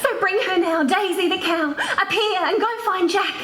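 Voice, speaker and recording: A woman's voice: extremely high pitch, moderate pace. A woman on stage playing a bubbly, bumbling novice pantomime fairy, speaking in cheery, theatrical sing-song rhyme. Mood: excited, casting spell. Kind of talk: stage pantomime narration to the audience. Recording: echoey theatre stage, faint room noise.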